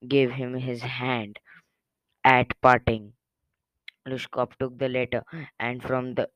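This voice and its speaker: A man's voice: mid-range voice, smooth, no echo, rough recording. A man reading a short story aloud in a plain way, with occasional slips and restarts. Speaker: reader.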